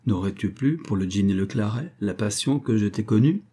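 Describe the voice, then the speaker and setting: A man voicing a remorseful, courtly older billionaire who speaks formally, in a low, husky voice. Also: animated, normal speed, warm tone. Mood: jovial. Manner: formal, contrite.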